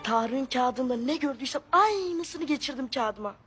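A clueless, cheeky schoolboy, voiced by a performer talks his way out of trouble with whiny excuses. The voice sits very high. Music plays beneath the sketch. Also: lively intonation, moderate pace, a bit bright. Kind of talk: comedy sketch. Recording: music bed behind.

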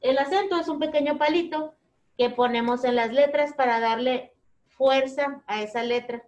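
Teacher, woman, high bright pitch, patient repeating delivery for small kids, dull lo-fi sound. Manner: slow, clear, repeating words for young children. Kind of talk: children's phonics lesson video.

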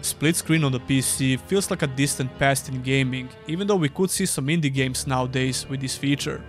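A man's voice: mid-range voice, a little fast, faint music behind. A young man giving a scripted, dryly sarcastic voice-over review of an old game. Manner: dry, sarcastic. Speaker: gaming YouTuber.

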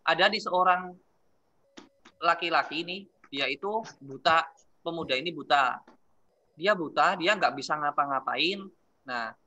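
A young man in his twenties teaches a class in a casual, chatty way, his carrying a light tinge as he tells stories and quizzes students. His voice is fairly high and very bright. The recording is dry and a little muffled. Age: 20s. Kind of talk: classroom religious lesson with storytelling.

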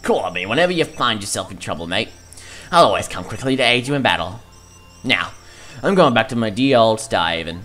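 Let's player doing a cheery mentor spirit, bright, lively lilt, faint game music behind. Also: male voice, lowish voice, a little fast. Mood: kindly. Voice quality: jovial, calls people mate and lad. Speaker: let's player reading character dialogue.

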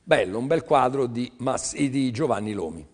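A man's voice: medium pitch, lively intonation, normal speed, husky. An older man hosting a live art sale on television, talking in a chatty, teasing, rambling sales patter. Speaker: TV art auction seller.

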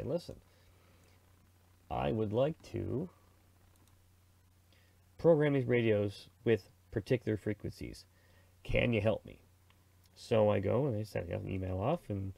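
Here the same kind of speaker, a middle-aged man who reviews and presents on radio, offers an informal, rambling product rundown and how-to. His lowish voice is creaky and mellow, and there's no room sound.

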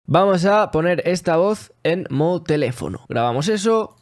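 Man, slightly high voice, relaxed colloquial tutorial talk. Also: moderate pace, slight background noise. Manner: relaxed, colloquial, addresses viewers directly. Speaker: music mixing instructor. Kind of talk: casual tutorial explanation.

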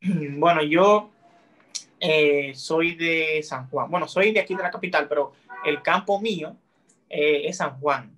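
Chatty Dominican teen on a video call. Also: male voice, a little high, slow pace. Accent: Dominican Spanish. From Dominican Republic. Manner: friendly, relaxed, chatty. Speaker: guest TikToker. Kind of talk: casual interview on a video call. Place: small room indoors.

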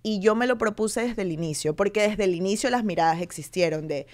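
A woman's voice: mid-range voice, fairly quick. A woman from Ecuador in her thirties, a television presenter being interviewed, telling her story candidly and acting out what people said. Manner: animated storytelling, acting out quoted voices.

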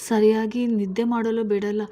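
A woman's voice: a little high, level tone, normal speed, dark tone, pitched above the performer's own voice, lightly acted. A woman voicing an exasperated middle-aged wife and mother in a spoken family story. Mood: scolding. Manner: scolding.

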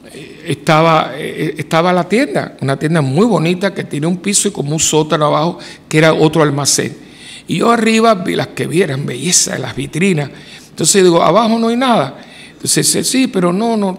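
A man's voice: on the high side, gravelly. A man, a priest, telling a personal story in a loose conversational homily, rambling along and lifting his voice to quote others. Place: church. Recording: long church reverb.

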